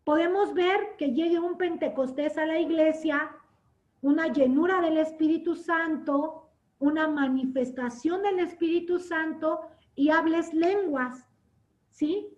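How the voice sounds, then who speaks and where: Brief: woman church teacher with a high voice, recorded on muffled lo-fi audio. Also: unhurried. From Latin America. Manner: asks "¿sí?" to check understanding; tells stories with lively acted quotes. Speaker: Bible class teacher. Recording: dull lo-fi sound.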